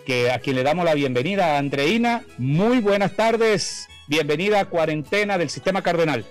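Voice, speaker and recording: A man's voice: on the high side, lively intonation, normal speed, soft background music. A man, hosting a casual interview in a jovial, colloquial way. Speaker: interview host. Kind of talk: casual radio-style interview.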